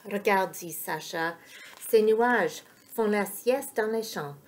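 A woman reading a storybook aloud, voicing a curious, easily worried small child who keeps asking high, anxious questions. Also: slow, close to an everyday voice. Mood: fretful.

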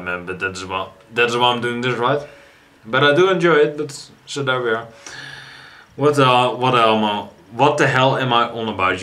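A man's voice: on the low side, bright, forceful tone. A tired man hosting a music reaction video, rambling casually with frequent restarts and swearing. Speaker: music reaction channel host.

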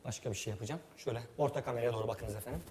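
A man's voice: medium pitch, very fast. A man acting as a bossy mock film director, mock-formal and pompous, laughing as he gives orders. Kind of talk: comic improvised sketch. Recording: reverberant hall with loud background noise.

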